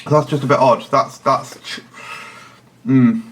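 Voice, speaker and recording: A man's voice: mid-range voice, fairly even intonation, measured pace. A man giving a casual product review in a blunt, picky, analytical manner. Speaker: snack reviewer. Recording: noticeable background noise.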